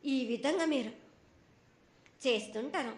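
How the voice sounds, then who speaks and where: A woman's voice: high-pitched, unhurried. A woman speaking as a goddess in a prophetic trance voice, in short, broken, repetitive phrases, stern and admonishing. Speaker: oracle delivering temple festival prophecy. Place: temple festival.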